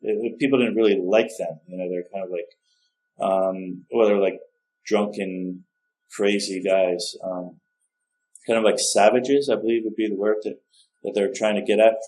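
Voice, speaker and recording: A man's voice: fairly low pitch, fairly even intonation, moderate pace, darkish tone, rough recording. A man casually narrating a digital coloring tutorial, rambling and correcting himself, often unsure how to pronounce names. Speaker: art tutorial host.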